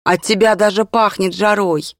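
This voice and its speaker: An audiobook reader voicing a lively, playful young girl. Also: mid-range voice, normal speed, dry recording, studio quality, voice pushed up, close to an everyday voice.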